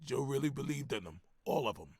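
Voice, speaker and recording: An actor playing a chatty, leering older gym worker in a noir game, raspy and folksy. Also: male voice, mid-range voice, animated, a little fast, a little mellow, no echo. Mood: gossipy, lively. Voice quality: raspy, gravelly.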